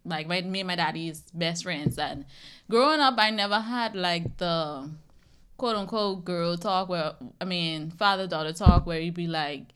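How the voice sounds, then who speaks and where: With a fairly low but fairly bright, smooth voice, a Bahamian woman in her twenties moves at a moderate pace. She's a guest on a podcast, casually describing things she's lived through.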